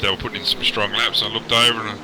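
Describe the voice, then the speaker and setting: A man, a racing driver, chatting in lively, joking, rambling fashion on a commentary call. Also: lowish voice, very fast, noisy background. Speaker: race driver joining commentary.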